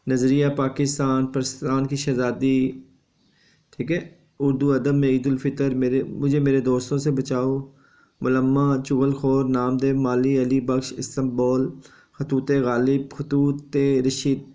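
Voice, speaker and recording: A man's voice: medium pitch, monotone, dark tone. A male teacher giving an exam revision lesson. He lectures steadily and repeats a confirming tag after each point.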